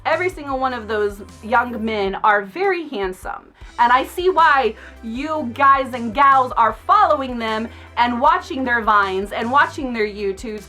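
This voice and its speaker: A young adult woman, a makeup artist, telling a casual storytime on her vlog in an outspoken, animated way, laughing often. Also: sits high.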